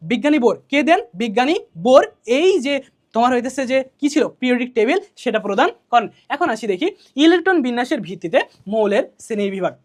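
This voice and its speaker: Woman teaching revision, talks quick, asks then repeats answers, kinda high voice. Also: lively intonation. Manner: drills key answers by asking and repeating them; colloquial, chatty. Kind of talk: exam revision lesson.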